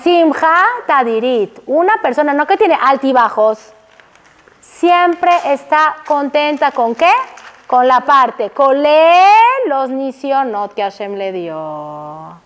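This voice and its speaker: A woman giving a religious lecture to a women's audience. She is animated, asks the audience questions and mixes in Hebrew terms. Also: high voice, slow. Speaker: religious teacher. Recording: hall reverb.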